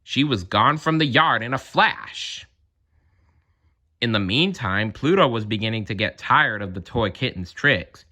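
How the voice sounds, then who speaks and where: A man reads a children's story aloud, narrating expressively as a storybook reader. His mid-range voice moves a little slowly.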